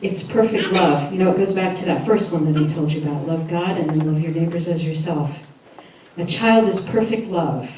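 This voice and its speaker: A woman minister giving a chatty, lively sermon and laughing often as she talks with the congregation. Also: fairly low pitch, moderate pace, a little hiss or hum. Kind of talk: sermon with audience interaction. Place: church hall. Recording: echoey hall, voice from far off.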